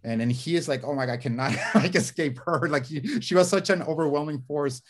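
A screenwriter guest with Spanish as his first language talks briskly in a slightly high voice. He rambles, gestures, and fills his speech with fillers and restarts during a casual video-call interview. He's in a home study with bookshelves, recorded on a webcam mic.

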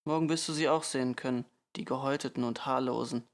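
Male reader doing a steady, grim audiobook father, low-key and gravelly. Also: fast, close to an everyday voice. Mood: calm, grim. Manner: quiet, calm, turning sharp when exasperated. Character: calm weary father, middle-aged man.

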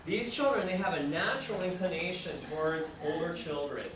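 A man giving a classroom lecture to students, lively and acting out examples as he explains. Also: a little high, brisk, a loud crowd. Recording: very echoey room, distant mic, background noise.

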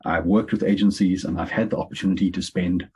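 Male host, deep and very husky, upbeat and chatty, video-call sound. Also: fairly even intonation, quick pace, darkish tone. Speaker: webinar host and marketing consultant. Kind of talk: casual live training session.

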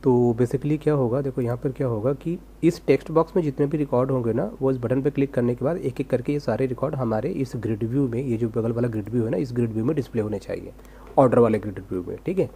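A man's voice: mid-range voice, quick pace, dark tone, a little hiss or hum. A man giving a casual screen-recorded coding lesson, asking himself rhetorical questions as he types. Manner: casual, rhetorical self-questions, talks while typing. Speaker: programming tutor.

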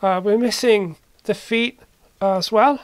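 In an indoor electronics workshop, a repair video maker talks through a hands-on fix casually and hesitantly, as though thinking out loud. The voice is medium in pitch and slow, with no room sound.

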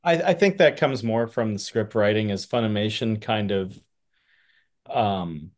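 A man co-hosting an anime rewatch show, musing in a relaxed way and hedging his points. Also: on the low side, a little slow. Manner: relaxed, musing, trails off with hedges. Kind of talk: casual reaction chat.

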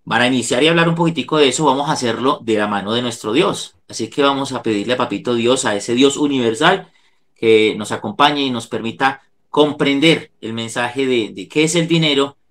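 Over a video call microphone from an indoor room, a middle-aged Colombian-accented psychologist delivers a devotional talk in an earnest, preacher-like manner. He speaks fairly quickly in a medium-pitched, fairly bright voice.

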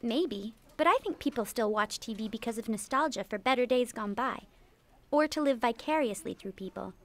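A woman voicing a thoughtful, frank 1960s office-worker puppet who explains things in a measured way. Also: fairly high pitch, animated. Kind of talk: comedic puppet parody dialogue.

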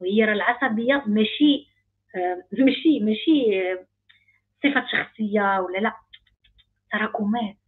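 A woman's voice: mid-range voice, moderate pace, pauses often, breathy edge. A woman with a Moroccan accent, a life coach giving an emphatic online talk full of repeated phrases. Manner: emphatic, repetitive, rising intensity. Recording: tinny phone-like sound.

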